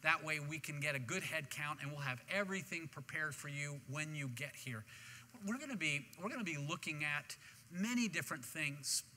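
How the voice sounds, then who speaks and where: A man preaching a sermon as pastor, talking in an animated way that often restarts its phrases, recorded in a church sanctuary through a stage microphone. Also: a little high, moderate pace, a little hiss or hum. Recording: long reverb of a church hall.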